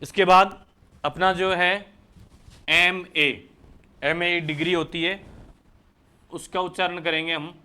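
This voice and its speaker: A man's voice: high-pitched, little pitch movement, takes it slowly, long pauses, bright, forceful tone, clear, resonant tone. A man from India teaching English grammar in a lecture, who keeps asking the class questions and answering them himself. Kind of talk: Hindi lecture explaining English articles.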